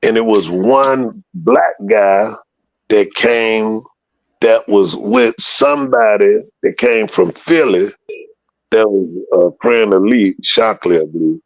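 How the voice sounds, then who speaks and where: Gravelly man swearing through a story. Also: fairly low pitch, slow pace, no room sound. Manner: profane, animated, acts out quoted voices. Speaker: interview guest telling a story. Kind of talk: casual storytelling. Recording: dull lo-fi dry recording.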